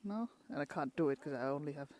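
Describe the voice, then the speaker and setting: A Finnish travel vlogger with a low, darkish voice speaks fast and expressively. Standing in a pine forest, she chats informally in her Finnish accent, laughing frequently as she restarts.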